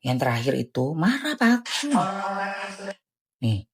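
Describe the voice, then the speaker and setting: A woman's voice: measured pace, slightly rough. A woman hosting a casual live stream, chatting animatedly in slang and selling skincare. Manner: animated, chatty, jumpy pitch swings, lots of slang.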